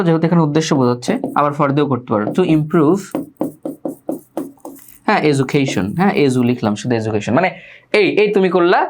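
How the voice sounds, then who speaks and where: A man with a Bangladeshi Bengali accent teaching English grammar in an online class. He often repeats words, asks his students questions and corrects their pronunciation patiently. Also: on the high side.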